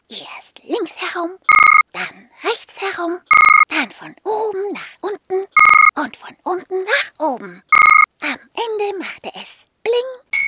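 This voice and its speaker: A woman reading a children's story aloud in a soft, half-whispered storytelling voice. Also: very high voice, heavy background noise.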